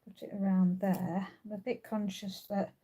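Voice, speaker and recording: A woman's voice: medium pitch, flat delivery, normal speed, warm tone, husky. A woman hosting a craft tutorial, thinking aloud as she works, with frequent ums and uhs. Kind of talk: casual crafting demonstration.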